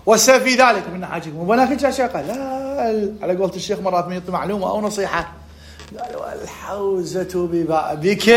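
A man's voice: high-pitched, a little hiss or hum. A man with an Iraqi Arabic accent teaching Arabic grammar in a conversational lesson, explaining through rhetorical questions and asides.

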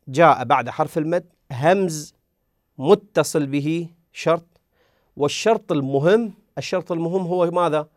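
A man leads a Quran recitation lesson. His voice sits a little high and sounds dry and close. He poses questions and answers them himself, and he lingers on example words to show how long the vowels are held. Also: no room sound. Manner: repeats key words slowly, asks and answers his own questions. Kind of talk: tajweed lesson explaining the rules.

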